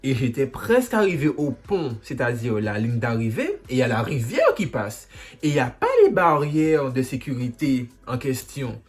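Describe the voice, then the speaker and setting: A man vlogger telling a story, animated and dramatic with sound effects. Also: medium pitch, normal speed. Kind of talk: storytime vlog.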